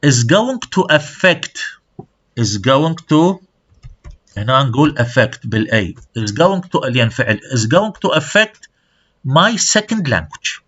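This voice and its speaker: A male university lecturer whose first language is Arabic switches between English and Arabic, explaining terms and checking in with students. His voice is sing-song, a bit bright and breathy, with lots of pitch movement at normal speed. The recording is dull, muffled and lo-fi.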